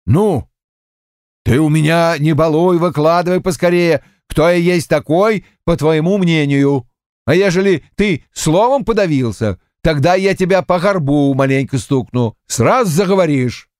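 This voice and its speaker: A man's voice: on the high side, sing-song, measured pace, no room sound, studio quality, voice pushed up. Man doing a crafty folksy Cossack farmer. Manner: folksy, boastful, mock-aggrieved.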